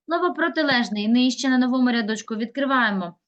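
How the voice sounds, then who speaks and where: A woman's voice: fairly high pitch, animated, fast talker, highs cut off. A woman teaching a classroom lesson, stretching out words as she dictates and coaxing pupils with questions. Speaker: primary school teacher.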